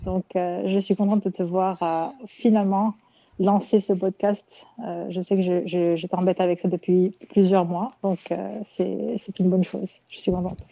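A woman chats as a guest on a casual podcast, friendly and talkative. Her tone is very dark and warm. The sound is dry and dull, as if over a lo-fi line. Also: lowish voice, little pitch movement, moderate pace, gravelly, no echo.

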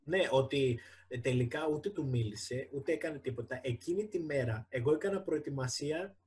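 A Greek stand-up comedian co-hosting a casual podcast, telling a self-mocking story and acting out the dialogue. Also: male voice, mid-range voice, a little mellow. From Greece. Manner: self-mocking, acts out both sides of a dialogue. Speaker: podcast co-host. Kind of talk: casual banter among comedians.

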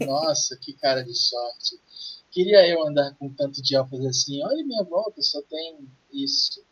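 Man playing a raspy, ruthless Brazilian pirate. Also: fairly high pitch, animated, normal speed, a bit bright. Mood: crude envy. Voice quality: husky, raspy. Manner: crude, conspiratorial. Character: brash, ruthless male pirate plotting a kidnapping. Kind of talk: improvised tabletop role-play. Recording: dull, lo-fi voice recording.

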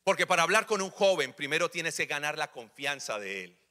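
A man's voice: fairly high pitch, very animated, fairly quick, pushed and bright. A man in his forties preaching a sermon in a church, acting out little family dialogues with humor. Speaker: pastor. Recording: church hall reverb.

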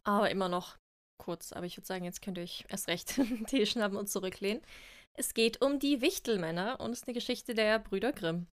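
A woman's voice: mid-range voice, fairly quick. Young female co-host with dry jokes, easygoing podcast chat. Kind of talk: casual chat.

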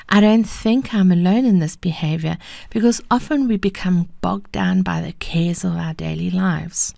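A woman host reading scripted personal reflections in a measured, unhurried, gentle storytelling manner. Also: medium pitch, gravelly, dry recording, clean studio sound. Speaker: host of a daily encouragement podcast.

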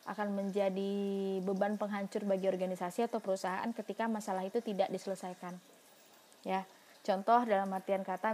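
A woman's voice: medium pitch, darkish tone, slight background noise. A woman giving a university lecture in an explanatory way, asking herself questions and answering them, with frequent fillers.

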